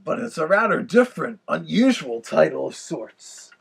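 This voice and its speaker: A man voicing a cartoon Big Bad Wolf with a gravelly, raspy voice, giving a wry, theatrical review commentary. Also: fairly high pitch, big pitch swings, moderate pace, exaggerated voice. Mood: chatty, wry.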